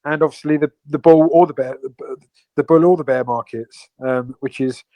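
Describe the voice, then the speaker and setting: A UK co-owner of a crypto project, appearing as an AMA guest, talks through it at length at normal speed in a slightly high, steady voice. He relies on many fillers and restarts, and the dull recording has no room sound.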